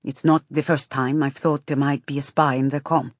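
A woman's voice: extremely low pitch, level tone, normal speed, no echo. A woman voicing a blunt, stubborn, teasing woman in audiobook dialogue, with a sardonic, needling manner.

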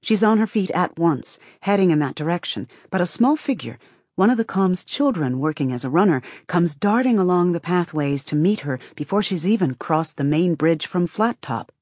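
A woman's voice: on the low side, lively intonation, moderate pace, darkish tone, dry recording. A woman reading scripted fiction as an audiobook narrator, with dramatic delivery.

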